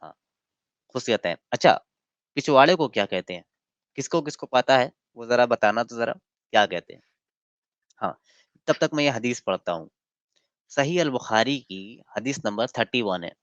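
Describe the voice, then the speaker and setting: A man's voice: medium pitch, animated, moderate pace, long pauses, no room sound, muffled recording. A man hosting a livestream debate, mocking his opponent and reading passages aloud in a lecturing way. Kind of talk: casual livestream debate and commentary.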